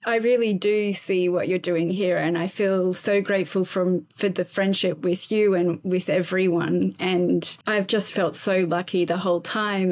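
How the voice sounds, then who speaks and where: A woman with an Australian accent, a guest on a podcast, talking in a candid, grateful way and laughing easily over a video call. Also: lowish voice. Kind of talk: casual podcast conversation.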